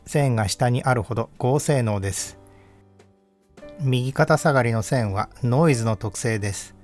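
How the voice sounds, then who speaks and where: A man giving calm, measured, scripted narration that explains equipment test results step by step. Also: medium pitch, soft background music. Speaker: audio equipment reviewer. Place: voice-over.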